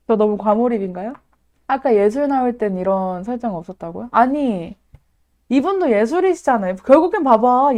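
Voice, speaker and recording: Woman, live-stream host, casual chat, excitable, dramatic, fairly high pitch. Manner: excitable and dramatic, often laughing, exaggerated frustration.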